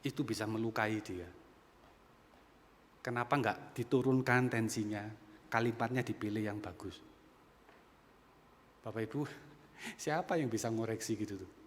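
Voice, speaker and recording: Pastor in his 50s, sermon in a reverberant church; bright, forceful delivery with sudden loud peaks. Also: mid-range voice, slight background noise. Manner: storytelling, swings from quiet asides to loud emphatic peaks. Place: church sanctuary.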